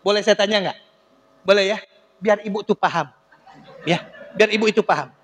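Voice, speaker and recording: Very high-pitched joking male preacher. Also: normal speed, a little hiss or hum, poor audio. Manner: joking, teasing the congregation, laughing often. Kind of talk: humorous sermon. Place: mosque.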